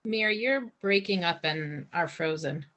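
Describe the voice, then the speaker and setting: A woman in a council meeting speaking calmly over muffled, lo-fi video call audio. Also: lowish voice, measured pace. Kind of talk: meeting remarks. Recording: dull lo-fi call line, distant.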